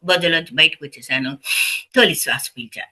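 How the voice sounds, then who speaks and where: Woman preaching about meditation, super bright voice, keeps asking the listeners questions and repeating herself. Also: low-pitched, fairly quick. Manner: asks the listeners rhetorical questions; repeats phrases for emphasis. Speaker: meditation teacher. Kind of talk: spiritual discourse.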